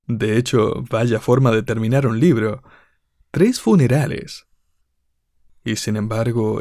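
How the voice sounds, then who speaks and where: A man delivering a sermon in a warm, mellow voice. He speaks in a measured, deliberate way and leans on rhetorical questions for emphasis. The recording is dry and close, with no room sound. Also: medium pitch, vocal fry, dry recording. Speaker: preacher.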